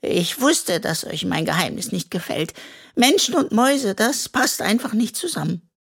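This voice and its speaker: Small shy raccoon boy voiced by the narrator, high and plaintive, storybook. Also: sing-song, measured pace, vocal fry, fairly bright tone, heavily acted. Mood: tearful. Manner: sighing, sheepish, then proud. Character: small male raccoon, secretive and sensitive.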